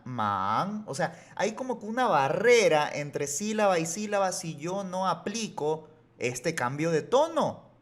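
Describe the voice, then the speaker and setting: A man teaching a language lesson on video, explaining rules patiently and reassuring his viewers as he repeats examples slowly. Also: on the high side. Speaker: Mandarin teacher.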